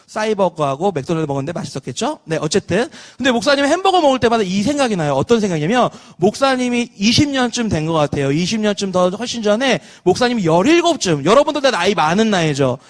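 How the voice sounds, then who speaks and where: Children's pastor, man in his thirties, high-pitched, keeps quizzing the kids. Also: quick pace, hardly any pauses. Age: 30s. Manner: lively, asks children questions and leads call-and-response. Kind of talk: online children's sermon.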